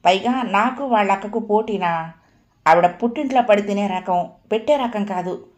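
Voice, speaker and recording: Woman, audiobook narrator, first-person storytelling, expressive, middle pitch. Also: moderate pace. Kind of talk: storytelling narration of a family novel.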